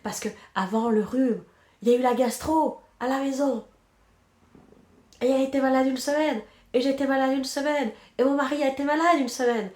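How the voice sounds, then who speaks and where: A chatty woman with a stuffy head cold hosts a knitting podcast, casually chatting as she knits, self-mocking, drifting off mid-sentence to count stitches. Her voice is high-pitched yet darkish in tone, at a normal speed, with a roomy sound.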